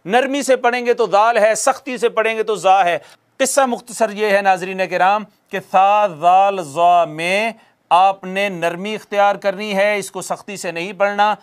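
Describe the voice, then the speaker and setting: A man teaching Quran recitation in a recorded lecture, asking himself questions and answering them, repeating letter sounds slowly to demonstrate them. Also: high-pitched. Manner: drills by repeating and answering his own questions.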